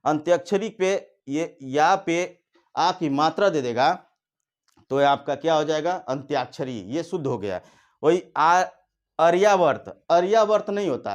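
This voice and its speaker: A male teacher giving an exam-prep grammar lesson at a board, repeating key definitions slowly and telling students directly what to remember. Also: a little high. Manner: addresses students directly with instructions.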